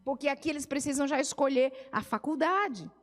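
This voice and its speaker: A woman's voice: high-pitched, a little fast. A middle-aged woman with a Brazilian Portuguese accent, a family therapist giving a conversational church seminar talk and acting out family dialogues. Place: church hall. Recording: reverberant church hall.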